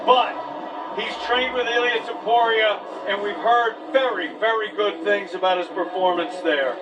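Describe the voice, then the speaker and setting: A man breaks down a fight as color commentator, measured and emphatic. His voice is fairly high. He sounds a little distant, with clear noise around him. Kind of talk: fight analysis.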